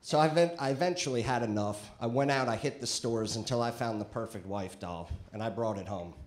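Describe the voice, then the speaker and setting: A man's voice: medium pitch, a little fast. A male stand-up comedian performing a conversational set with crude punchlines on a comedy club stage, into a handheld mic.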